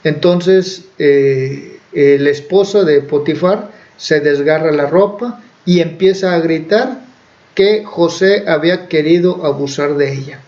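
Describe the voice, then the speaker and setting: Speaking unhurriedly in a darkish voice on the high side, a male preacher recounts a Bible story in a casual way, correcting himself and using fillers. The sound quality is dull and lo-fi.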